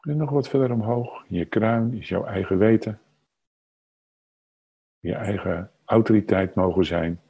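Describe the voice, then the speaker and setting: A man leading a guided meditation, speaking calmly and unhurriedly in short phrases with long pauses and a husky, soft-edged voice. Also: lowish voice, low-quality recording. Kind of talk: slow guided meditation narration.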